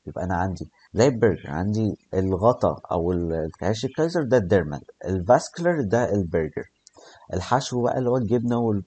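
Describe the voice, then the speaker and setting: A man's voice: mid-range voice, mellow, breathy edge. A young man with an Egyptian accent, teaching in a casual recorded lesson that mixes in many English terms and often checks in with listeners. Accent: Egyptian Arabic. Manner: explains in colloquial speech full of English terms, with restarts and check-ins.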